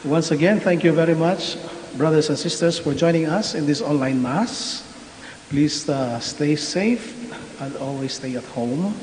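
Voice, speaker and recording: Give me a priest with a cathedral echo. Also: male voice, a little high, a little mellow. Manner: measured liturgical intoning. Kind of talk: celebrating an online Mass. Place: large church. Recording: echoey hall with faint hiss.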